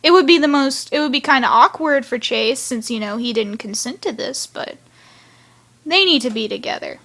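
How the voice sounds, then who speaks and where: A woman's voice: high-pitched, animated, moderate pace, fairly bright tone. A woman rambling through a casual review of a cartoon episode, chatty, with sighs and side remarks. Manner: chatty, rambling, sighing asides.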